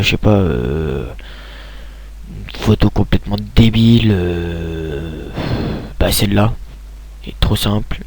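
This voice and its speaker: A man's voice: lowish voice, gravelly, darkish tone. A young man giving a casual screen tutorial, rambling with many hesitations and restarts, talking into a computer mic at home.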